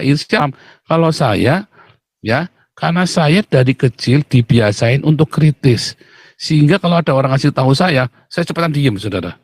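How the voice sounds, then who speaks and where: An Indonesian man hosts a live stream of religious commentary, speaking in a medium-pitched, darkish voice in a dry room with no echo. He is preachy, scornful, blunt, and mocking, lecturing his viewers and calling them "saudara."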